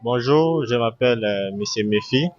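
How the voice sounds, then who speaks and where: A man from the Democratic Republic of the Congo answers a street interviewer, sounding pleased but a little hesitant. His voice sits at a middle-to-low pitch. The recording is dull and muffled. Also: moderate pace, dry recording.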